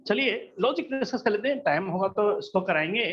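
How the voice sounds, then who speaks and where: A man with a fairly high voice teaches a math class in a classroom, patiently coaxing answers and checking again and again that everyone has understood. The recording is somewhat dull and lo-fi, as if captured in the classroom itself. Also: expressive, brisk, fairly bright tone. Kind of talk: classroom lesson.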